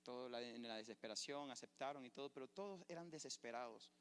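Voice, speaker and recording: A man's voice: medium pitch, quick pace, fairly bright tone, clear, resonant tone. A man, a pastor preaching a sermon and telling a personal testimony with fervor. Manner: fervent preacher, storytelling testimony. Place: church sanctuary. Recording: echoey church hall.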